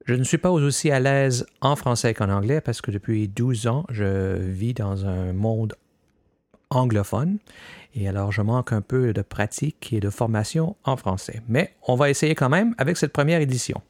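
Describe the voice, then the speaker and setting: In clean studio sound with no echo, a man introduces his podcast from a script, stumbling often with fillers and restarts. He's a native French speaker who now lives mostly in English, and his medium-pitched voice is a little mellow at a moderate pace.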